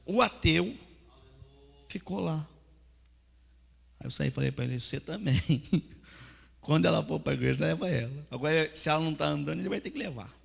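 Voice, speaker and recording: Gravelly fervent pastor preaching. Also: male voice, on the high side, animated, normal speed, pauses often. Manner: fervent storytelling, swinging from soft to loud preaching. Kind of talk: sermon with personal testimony. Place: church hall. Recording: reverberant church hall.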